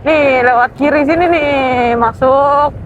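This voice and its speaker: A woman's voice: high-pitched, slow. Young woman, casual vlog, rambling, dull outdoor recording, faint noise. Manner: chatty, hesitant, trails off with fillers. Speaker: travel vlogger. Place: outdoors at a ferry port.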